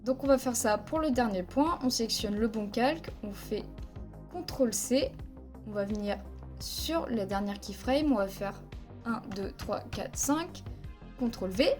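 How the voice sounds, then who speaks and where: Over background music, a woman with a fairly high voice and lively intonation takes her time teaching video editing in a screen-recorded software tutorial. Through her headset mic, she explains every step plainly and counts the frames out loud.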